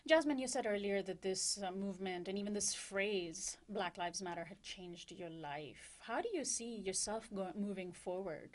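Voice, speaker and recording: A woman hosting a talk show, interviewing guests in a studio in a measured way with frequent "uh" fillers. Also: mid-range voice. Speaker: radio and TV show host.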